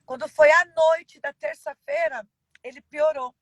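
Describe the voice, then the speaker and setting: A woman pastor giving a personal testimony in an interview, halting and emotional with many pauses and fillers. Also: high-pitched, fairly even intonation, no echo, rough recording.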